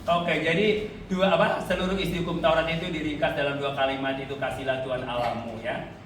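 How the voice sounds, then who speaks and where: A man's voice: on the high side, flat delivery, a little fast, noisy background. A male evangelist preaching a sermon in a church, colloquial and joking, often calling out to the congregation. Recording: echoey church hall, mic far off, faint ambience.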